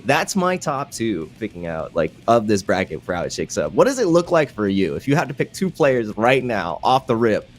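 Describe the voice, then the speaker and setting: A man commentating a fighting game tournament, jokey and quick to laugh. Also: fairly low pitch. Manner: laughs often, jokey and excitable. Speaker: esports commentator.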